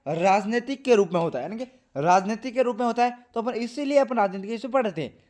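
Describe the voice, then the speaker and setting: A man's voice: high voice, fast talker, darkish tone. A young man teaching a class lesson, repeating each point and asking and answering his own questions.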